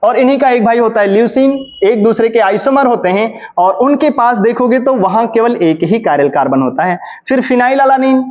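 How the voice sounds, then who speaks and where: High-voiced man giving a fast revision lecture. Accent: Hindi-English mix. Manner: explains step by step, often asks and answers his own questions. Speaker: chemistry teacher. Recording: dull lo-fi classroom recording.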